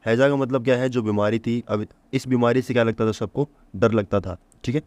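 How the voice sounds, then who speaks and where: A man's voice: mid-range voice, steady tone, a little fast, darkish tone, no room sound. A man teaching a vocabulary lesson for exam prep. He keeps asking the listener rhetorical questions, answers them himself, and repeats each memory trick. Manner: repeats key points to drill memory tricks.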